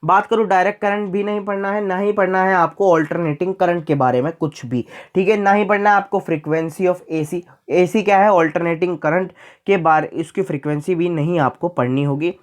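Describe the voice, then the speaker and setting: A man's voice: sits high, steady tone, moderate pace. Young male explainer, chatty, keeps repeating key points, talks straight to students. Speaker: teacher explaining syllabus changes.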